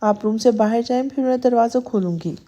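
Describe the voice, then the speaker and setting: A woman's voice: fairly high pitch, warm tone, muffled recording, natural voice. A woman voicing a timid young wife who pleads hesitantly, in a spoken storybook. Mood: sulking.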